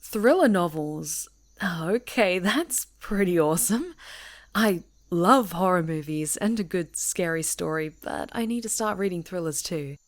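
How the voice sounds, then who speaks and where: Speaking at a measured pace in a lowish, animated voice, this woman voices an easygoing camper on a woodland retreat for an ASMR roleplay. She's friendly, chatty, and teasing as she talks to a listener we never hear.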